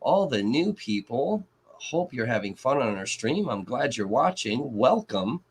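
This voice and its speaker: A man putting on an upbeat, polished TV news reporter voice, using a bright, exaggerated announcer delivery. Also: mid-range voice, very animated, a little slow, breathy edge. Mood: chipper.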